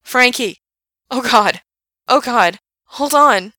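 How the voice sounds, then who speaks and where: A woman voicing Gerard, a desperate young man pleading with and shouting encouragement to the man he loves. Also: a little high, slow pace, no echo, clean studio sound, pitched above the performer's own voice. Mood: frantic. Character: young man, desperate, fiercely loving rescuer.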